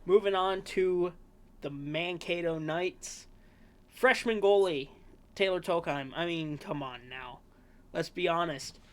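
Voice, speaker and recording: A man hosting a casual sports preview podcast, talking in a relaxed, rambling way with fillers and self-corrections. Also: a little high, slow, slight background noise. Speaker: podcast host.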